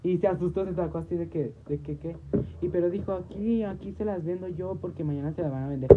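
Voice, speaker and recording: A livestream host rambles through a long, casual story for her viewers, repeating and restarting phrases and often quoting herself. Her voice is lowish and fast, heard over noisy, tinny phone audio.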